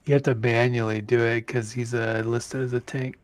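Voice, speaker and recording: A man's voice: mid-range voice, level tone, normal speed, no room sound. A man in casual game voice chat, wry and joking, sometimes exasperated, on a headset mic. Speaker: raid player.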